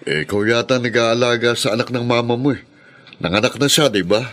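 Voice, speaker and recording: An actor playing a kind, concerned middle-aged uncle who asks worried questions and gently scolds. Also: male voice, mid-range voice, a little fast, close to an everyday voice. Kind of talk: dramatized story acting.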